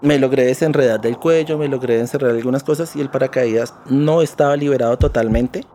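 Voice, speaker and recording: A man's voice: mid-range voice, fast, warm tone, a little hiss or hum. A man with a Colombian accent tells his own story as a survivor, vividly and with plenty of swearing. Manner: vivid, profane retelling. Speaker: interviewee, accident survivor. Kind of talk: personal testimony.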